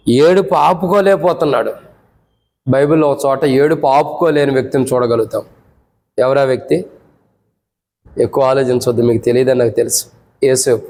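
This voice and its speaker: A man with a Telugu accent preaching at a church prayer meeting. He teaches by numbered points and questions to the congregation, and his voice climbs high when he voices the lament. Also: darkish tone, rough recording. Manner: rises sharply in pitch when voicing the lament.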